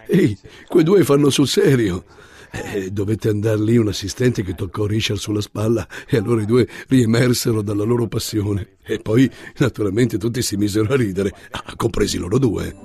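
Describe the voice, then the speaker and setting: A man voicing a reporter from a film set, telling an anecdote and acting out the shouts in it. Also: lowish voice, gravelly, husky, heavily acted. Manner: storytelling, acting out shouted quotes. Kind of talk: dramatized reading on radio.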